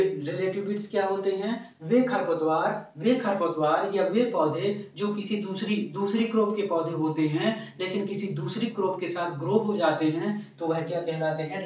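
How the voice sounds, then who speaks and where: A man's voice: sits high, darkish tone. A man teaching an agriculture exam-coaching lecture, asking the class questions and answering them himself, repeating key terms. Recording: echoey room, distant lo-fi mic.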